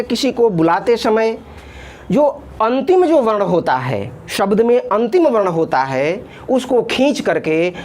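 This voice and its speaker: Female Sanskrit grammar teacher, high and animated, explains patiently with lots of repetition. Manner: patient, repeats terms in Sanskrit then Hindi, draws out vowel sounds. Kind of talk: classroom lesson explaining at a board.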